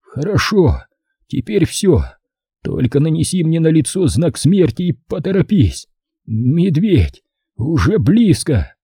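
A dying hunter father speaks slow, breathless, solemn words, as a man reading a storybook puts him on. His voice is very dark and husky, with a close, dry sound. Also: on the high side, big pitch swings, no echo, voice pushed up, exaggerated voice. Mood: urgent weak. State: short of breath.

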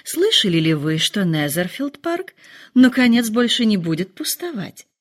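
An excitable, fretful mother bursts into high, gushing exclamations, as a woman reading aloud puts her on. Her pitch leaps widely from line to line in a storybook reading. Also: normal speed. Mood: excited.

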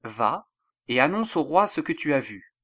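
A man's voice: a little high, very animated, normal speed, a bit bright, dry recording, studio quality. A man voicing a stern male army commander giving curt orders.

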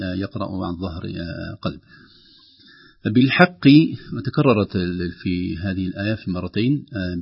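A man teaching Quran recitation rules, slowing down to demonstrate how each sound is pronounced. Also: on the low side, gravelly, breathy edge, highs cut off. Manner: slows and stretches sounds to demonstrate pronunciation. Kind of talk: tajweed lesson with recited examples.

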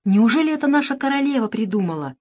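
A woman voicing a plump, slow-witted male pirate who whines and asks puzzled questions. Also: fairly high pitch, animated, darkish tone, no room sound, studio quality, pitched above the performer's own voice. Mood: whiny. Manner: whiny, puzzled. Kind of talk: audiobook character voice.

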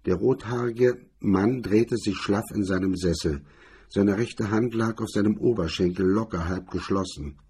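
Brief: male crime-story narrator, dark mellow tone, heavily husky, steady delivery. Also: fairly low pitch, moderate pace.

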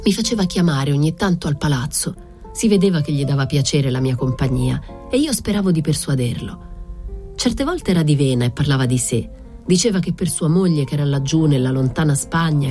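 A woman narrating a literary novel aloud in a measured, reflective way. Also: deep voice, dark tone. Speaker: audiobook reader.

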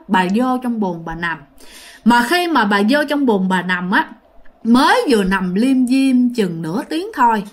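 A young woman with a Southern Vietnamese accent tells a ghost story in a casual, chatty way, talking straight to her listeners. Her voice sits a little high and moves through a wide, lively range.

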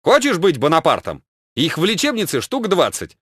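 A man's voice: a little high, huge pitch swings, moderate pace, a bit bright, no room sound, studio quality, voice pushed up, exaggerated voice. A man voicing a stern, mocking middle-aged spy who barks orders and threatens bluntly, in a comic audiobook. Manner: barked commands and gruff threats.

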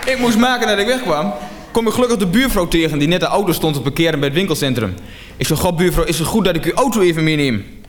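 A man with a high voice performs a mock-confessional comedy monologue, climbing into excited shouting as the tale runs away with him. The old recording sounds roomy and carries clear background noise. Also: fast talker, few pauses, some chatter behind.

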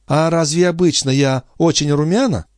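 A man reading an audiobook voices a fragile, nervous young woman who talks in breathless, high exclamations. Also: moderate pace, a little mellow, no room sound, clean studio sound, natural voice. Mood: agitated, fluttery.

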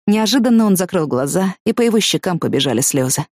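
A woman narrating a first-person story in a measured storytelling manner. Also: mid-range voice, animated, a little mellow, dry recording, studio quality. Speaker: audiobook narrator.

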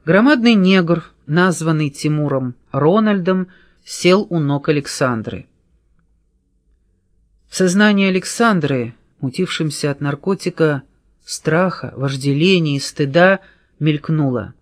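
A woman reading an audiobook novel in a steady storytelling manner. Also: low-pitched, unhurried, no echo, clean studio sound. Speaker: audiobook narrator. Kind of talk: scripted narration.

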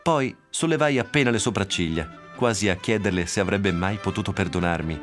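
A man reading a novel aloud on a radio program, with measured, evenly paced first-person narration. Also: low voice, soft background music. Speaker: reader. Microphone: radio studio microphone.

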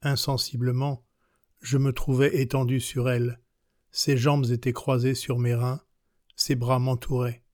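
Here a man lightly acts the part of a passionate, worldly young countess from a classic novel, narrating in recounting mode. His delivery stays unhurried and measured with an even pitch, captured as clean studio audio with no echo.

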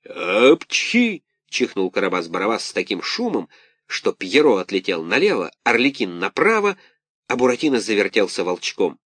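A man narrating a fairy tale as an expressive audiobook reading. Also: on the low side, fairly quick, slightly rough. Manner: lively, animated storytelling.

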